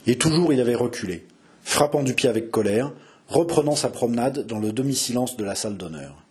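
Man narrating an audiobook at mid pitch. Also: slightly rough. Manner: measured, expressive storytelling.

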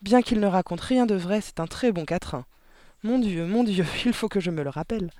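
A man voicing a kind young woman schoolteacher in an audiobook, warm and encouraging, lifting his voice higher for her. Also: lively intonation, a little fast, no room sound. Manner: warm, encouraging, easily delighted. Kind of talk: audiobook character voice.

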